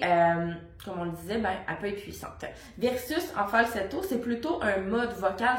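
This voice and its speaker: A young adult woman voice coach with a Québécois French accent talks through a lesson in a relaxed, explanatory way, full of fillers. Her voice sits at a middle pitch for a woman. The room around her rings with noticeable echo. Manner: casual and explanatory, with frequent fillers and sung demonstrations. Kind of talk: vocal lesson to camera. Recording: roomy echo.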